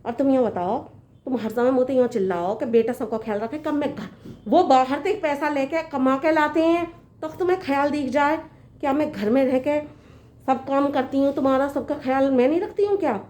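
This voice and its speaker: A woman's voice: sits high, moderate pace, a little mellow, lightly acted. A woman playing a patient young daughter-in-law who reasons at length in an earnest, lecturing way, in a comedy sketch. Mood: complaining.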